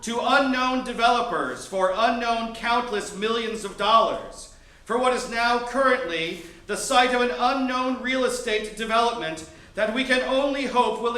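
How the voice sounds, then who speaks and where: A man from Miami, speaking at an extremely high pitch with a bright, forceful tone, tells a personal story live on a theater stage. He's wry and sardonic, working up to mock outbursts, and the sound is roomy.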